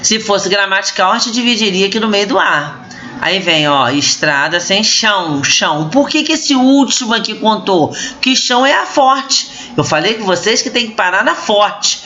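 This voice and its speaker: Through a muffled, lo-fi recording, a literature teacher with a Brazilian accent explains the lesson to her online class and keeps checking in with the students. She sounds expressive and a bit bright, at medium pitch and a moderate pace.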